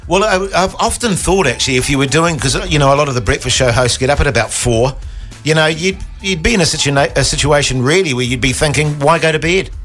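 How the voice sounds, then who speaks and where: A man's voice: a little high, expressive, fast talker, fairly bright tone, soft background music. A man with a New Zealand accent making casual, bantering conversation as a radio show host.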